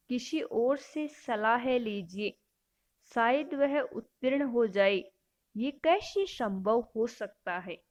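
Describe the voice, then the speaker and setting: Lady teacher reading out quiz options then explaining the answer, talks slow. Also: on the high side. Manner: self-correcting. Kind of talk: exam-prep grammar lesson.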